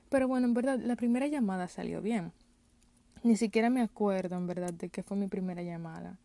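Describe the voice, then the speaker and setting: A woman's voice: medium pitch, dark tone, no echo. A woman, telling a casual personal story to her vlog audience and mixing in English work words. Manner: chatty, mixes in English call-center words. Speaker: vlogger.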